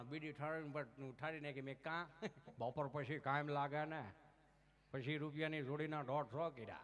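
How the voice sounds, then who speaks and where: A man telling comic folk stories on stage at a village gathering, teasing and lively. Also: a little high. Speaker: folk storyteller and comedian.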